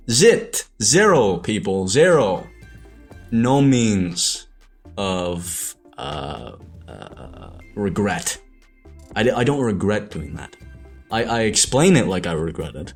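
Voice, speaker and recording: A young Irish animator and show creator delivers a reflective monologue to camera in a slightly low voice. He rambles hesitantly, restarting and correcting himself, with soft music faint beneath.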